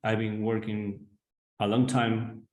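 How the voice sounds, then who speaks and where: A man's voice: on the low side, level tone, slow pace, darkish tone, reverberant, low-quality recording. A man from Argentina with an Argentine Spanish accent, an executive coach giving a webinar presentation over a video call, earnest and direct, often checking in with "right?". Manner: earnest, addresses audience directly, frequent "right?" tag questions.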